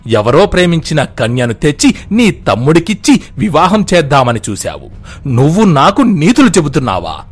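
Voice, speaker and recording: A man voicing an arrogant, scornful king who taunts in a raised, loud voice while narrating a story. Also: a little high, very animated, moderate pace, husky. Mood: scornful taunting.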